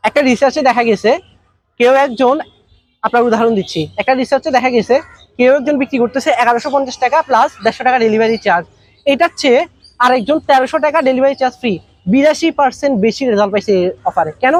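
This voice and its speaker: A man's voice: extremely high pitch, fast talker. A man giving a business masterclass in a colloquial way, telling stories with acted-out dialogue. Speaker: business trainer. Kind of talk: masterclass talk.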